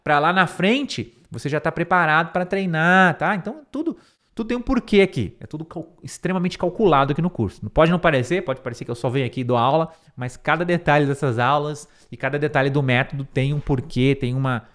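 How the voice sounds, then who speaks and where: A man from Brazil leads an online English lesson. He slows right down to repeat each English word and phrase with care, then turns to his students and reassures them directly. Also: a little high, a bit bright. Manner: slow, careful repetition of English words. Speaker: English teacher.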